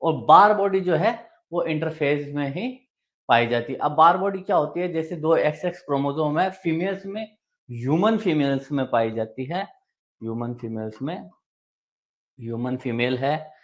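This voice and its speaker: A male medical exam coaching teacher with a fairly high voice leads a live online prep class at a moderate pace. He explains step by step, repeats key terms, answers his own questions, and mixes English technical terms into Hindi.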